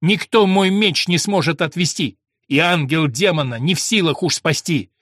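A man reading as Ruy Blas, husky and impassioned. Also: a little high, moderate pace, fairly bright tone, no echo, studio quality. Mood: indignant. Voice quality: husky, declamatory. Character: Ruy Blas, lovesick servant turned avenger, adult man. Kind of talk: dramatic verse reading.

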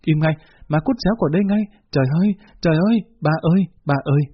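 A man voicing a distraught young daughter in crying, shrill outbursts, in a dull lo-fi recording. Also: very fast, a little hiss or hum, natural voice. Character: distraught young daughter screaming at her mother.

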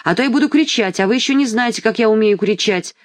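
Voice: medium pitch, fast talker, dry recording, voice pushed up, lightly acted. A reader doing a fierce defiant schoolgirl. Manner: defiant, shouting. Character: bold schoolgirl, fierce, feisty.

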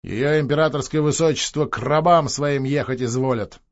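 A man's voice: medium pitch, normal speed, dry recording, natural voice. A domineering count, read by a male narrator, issuing orders with a mocking edge, his voice close to the narrator's own middle register. The recording is dry and dull, with a muffled lo-fi sound. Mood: commanding. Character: commanding, scheming count, a naval chief.

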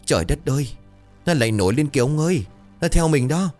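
A man voicing a frightened older village wife who begs and trembles in a shrill voice. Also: expressive, fairly quick, a little mellow, faint music behind, lightly acted. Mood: terrified.

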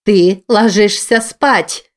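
A woman voicing a desperate young mother who shouts at her daughter and then begs her, read as an audiobook character. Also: on the low side, steady tone, a little slow. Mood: shouting.

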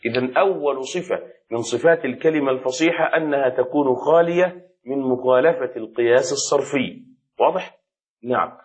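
A man, a sheikh, teaching a classroom lesson on rhetoric, patiently repeating key words and checking that the student follows. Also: medium pitch. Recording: dull lo-fi recording.

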